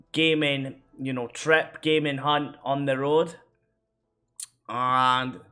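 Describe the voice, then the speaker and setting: A man's voice: fairly high pitch, pushed and bright. A Scottish man vlogging in a casual, rambling way, with lots of fillers and restarts. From Scotland. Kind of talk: casual reflective chat.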